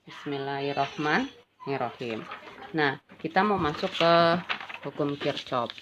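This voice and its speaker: A physics teacher with a low voice gives a casual classroom lecture at an unhurried pace, chatty and checking in with her students often. She calls them "Nak" and says "ya kan" frequently. The recording is dull and lo-fi, with faint ambient noise.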